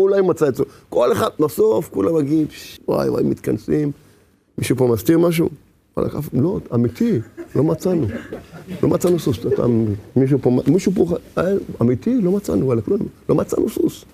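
A man delivering a lively sermon in a somewhat high voice. He swings between loud, high-pitched exclamations and hushed, low storytelling. He acts out his stories with sound effects and voices, and at times breaks into song. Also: gravelly. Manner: breaks into singing. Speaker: preacher.

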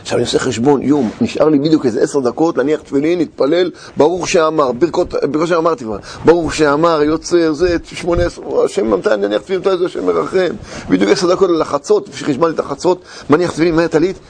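Gravelly man telling a lively story. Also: fairly high pitch, a little hiss or hum. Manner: animated, laughs through his own anecdote; halting, many restarts and searching for words. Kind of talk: casual personal storytelling.

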